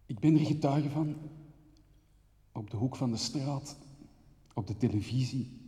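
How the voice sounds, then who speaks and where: A man's voice: medium pitch, a little slow, warm tone. A man giving an intense, rhythmic spoken-word monologue as a theater maker, reeling off long lists of words. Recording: long reverb of a hall.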